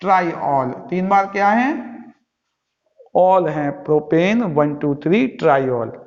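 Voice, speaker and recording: A man's voice: on the high side, expressive, slow pace, darkish tone. A male chemistry teacher giving a classroom lecture, asking his students questions and answering them himself in a patient, drilling way. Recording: echoey, dull lo-fi recording.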